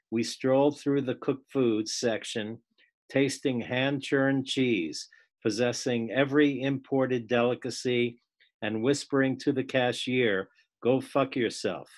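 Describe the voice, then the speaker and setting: A man taking part in a class on a video call, reading a poem aloud and then discussing it in a casual, halting way. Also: medium pitch. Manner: unhurried, restarts words, laughs while reading.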